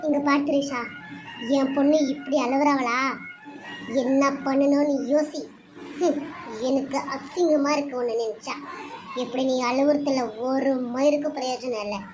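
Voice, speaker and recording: A woman's voice: high-pitched, steady tone, measured pace, muffled recording, background noise. A woman voicing a harsh, scheming middle-aged mother in a cartoon serial, stern and commanding. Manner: stern, commanding, coldly plotting. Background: music.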